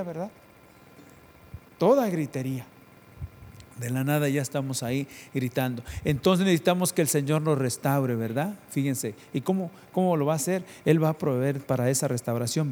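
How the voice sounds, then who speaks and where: A man preaching a sermon, swinging between loud emphatic calls and quiet prayerful passages, repeating phrases for emphasis. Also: on the high side.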